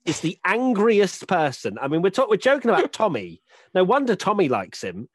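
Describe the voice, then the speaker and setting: Low-voiced woman, animated. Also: a little fast, husky, no echo, clean studio sound. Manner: teasing, upbeat. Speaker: co-host. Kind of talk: casual panel chat.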